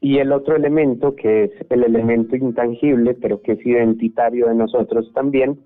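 A Colombian man with a Colombian Spanish accent, explaining his point in a measured way during a radio panel discussion. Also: medium pitch, fairly even intonation. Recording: phone-like radio line.

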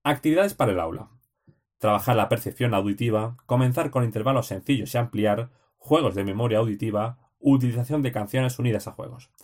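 A man reads out study notes at a middle pitch. He works through terse headings and short lists, one item after another, like someone revising for an exam. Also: a little fast, darkish tone. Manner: clipped list-like reading, terse headings. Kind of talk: reading study notes aloud.

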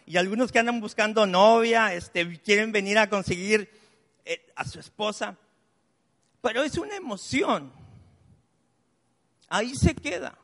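A man's voice: sits high, lively intonation, a little slow, long pauses, fairly bright tone. A man, preaching a sermon in a chatty, story-telling way from the pulpit of a church. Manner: conversational preaching, chatty asides and personal stories. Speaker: pastor. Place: church hall. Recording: long church-hall reverb.

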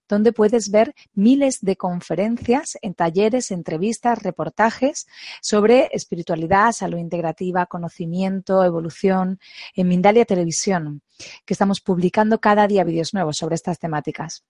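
A woman's voice: on the low side, darkish tone, no room sound, studio quality. A woman with a Spain accent presenting a scripted introduction to an online conference.

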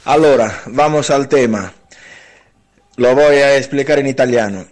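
A man from Italy leaves a voice message for a radio show, speaking slowly in a mid-range voice. He hesitates often and fills gaps with "eh". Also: mid-range voice, a little mellow. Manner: slow, hesitant with fillers. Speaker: listener sending a voice message.

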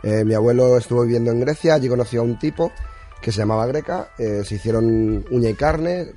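A man from Madrid, a guest mentalist, speaks with a mellow, darker tone in a radio studio. He tells his stories earnestly, with small hesitations, over faint music. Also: medium pitch, fairly quick. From Madrid, Spain. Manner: earnest, storytelling, a little hesitant. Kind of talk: radio interview.

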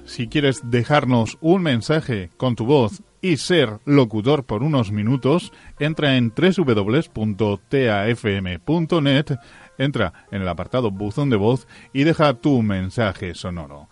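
A radio host with a mid-range voice and a Spanish accent from Spain makes casual, ad-libbed announcements. He sprinkles in chatty, joking asides.

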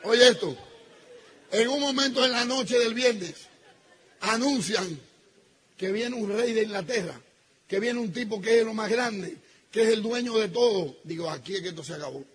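Guy telling his story to a crowd, high bright voice, acts out every line, gets loud then goes quiet. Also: unhurried, pauses often, slight background noise. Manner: acts out dialogue with sudden loud outbursts; drops to a hushed voice for asides. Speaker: speaker telling his business story to an audience. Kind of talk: animated personal storytelling.

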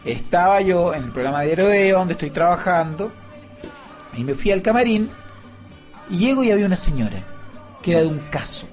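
A man's voice: lively intonation, a little fast, pauses often, soft background music. A man with a Chilean accent, a radio comedy host telling anecdotes in a boastful, swinging manner. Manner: boastful, swinging between high and low. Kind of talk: casual banter, telling anecdotes. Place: radio studio.

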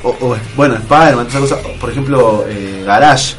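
A young man with an Argentine accent chats loosely on a radio show, quick to joke and slip into silly put-on voices. His pitch sits in a middle range, and faint music runs under him. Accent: Argentine Spanish. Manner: jokey, puts on mock accents. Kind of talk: casual banter.

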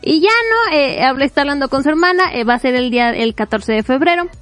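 A woman casually retelling a manga plot, animated and chatty, laughing often and acting out the characters' lines. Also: high-pitched, fast talker, no room sound, soft background music. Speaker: manga reviewer.

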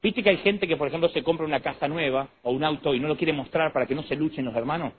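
A man's voice: a little high, fast talker. A man in his thirties with an Argentine accent, preaching a humorous, digressive sermon to a conference crowd. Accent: Argentine Spanish. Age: 30s. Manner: animated, digressive storytelling. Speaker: pastor. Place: conference hall. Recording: tinny lo-fi recording with faint noise.

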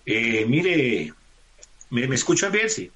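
A man's voice: medium pitch, very animated, takes it slowly, a bit bright. A man with a Colombian accent interviewing in a casual, informal way, often checking with short tag questions. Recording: noisy remote call with clicks.

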